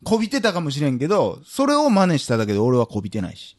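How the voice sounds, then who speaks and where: A man's voice: on the high side, huge pitch swings, quick pace, a little mellow. A man with a Kansai accent co-hosting a podcast, teasing his partner in casual comedic banter. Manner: teasing, playful, mock-announcing. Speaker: podcast co-host.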